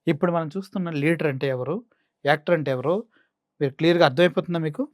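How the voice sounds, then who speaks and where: A man's voice: on the high side, racing, no echo, studio quality. A man with a Coastal Andhra Telugu accent giving mocking, sarcastic political commentary. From Andhra Pradesh.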